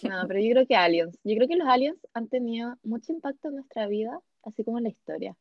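A woman's voice: on the high side, expressive, dry recording, lo-fi sound. A young woman with a Chilean accent in playful, casual chat. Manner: playful, chatty, quick to joke.

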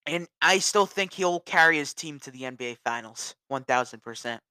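A woman's voice: low voice, expressive, a little fast, sharp tone, clear, resonant tone, no room sound, studio quality. A woman from New England ranting about her team in an agitated, repetitive way. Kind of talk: ranting sports vlog.

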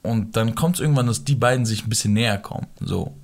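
A man's voice: lowish voice, fast. A young man with a manner, telling an anecdote in casual chat, acting out quotes and laughing often. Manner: slangy, animated, acts out quotes, laughs often.

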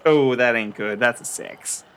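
Slow-talking man playing a tabletop game. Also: mid-range voice, a bit bright, clear, resonant tone. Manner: unhurried, thinks aloud. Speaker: player. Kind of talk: casual tabletop play.

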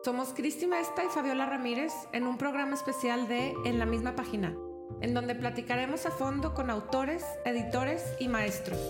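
High-voiced Mexican woman podcast host. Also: normal speed, loud music behind the voice. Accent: Mexican Spanish. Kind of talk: podcast intro and hosting. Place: store event space with live audience.

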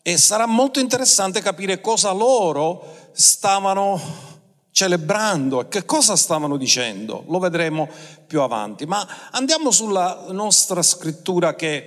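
A man's voice: high-pitched, fairly bright tone, big-room sound. A man preaching a sermon as pastor, with dramatic swings of pace and emphasis.

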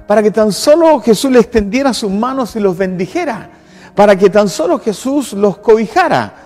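A Chilean man in his sixties preaches with a high, swooping voice, driving his points home through emphatic repeated lists. His sermon rings out in a church hall with a long reverb, and soft music plays behind him. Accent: Chilean Spanish. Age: 60s. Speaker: pastor.

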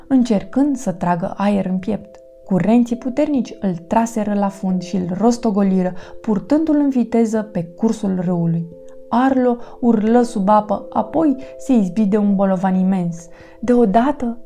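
A woman with a medium-pitched voice narrates a children's storybook aloud in an expressive, lively storytelling style.

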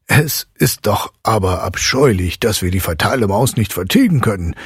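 A man voicing a calm, reasonable middle-aged father who talks in a measured, slightly exasperated way. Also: on the low side, breathy edge, no room sound, studio quality.

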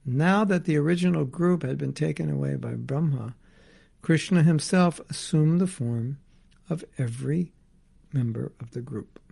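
A man's voice: on the high side, normal speed, gravelly, mellow, slightly rough. A man teaching a scripture class, reading passages aloud and explaining them in casual asides. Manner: reads a passage then comments in casual asides.

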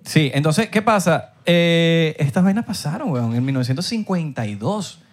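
Young man, Venezuelan accent, higher voice, joking, outdoor chat. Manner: joking, rapid, animated slang-filled talk. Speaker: host. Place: outdoors in a city street.

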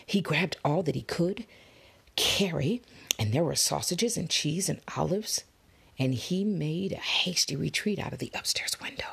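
A woman reading a children's fable aloud, expressive, dropping into soft whispers for suspense. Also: sits low, measured pace, vocal fry, breathy edge. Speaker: storybook reader. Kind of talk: children's story read-aloud.

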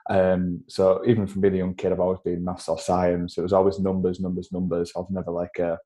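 A man's voice: deep voice, monotone, brisk, mellow. A man in his twenties with a Yorkshire accent, chatting casually as a podcast guest over a remote call, laughing often and self-deprecating. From Yorkshire, England. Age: 20s. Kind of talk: casual interview chat.

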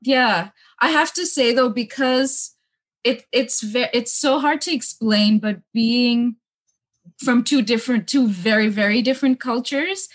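A young woman with a mixed accent that is hard to place talks in a slightly high voice. Her speech is loose and conversational, full of fillers, and she laughs often as she answers interview questions from her parents' home. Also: unhurried. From Middle East (Kuwait). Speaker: interview guest. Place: bungalow room with books at her parents' home.

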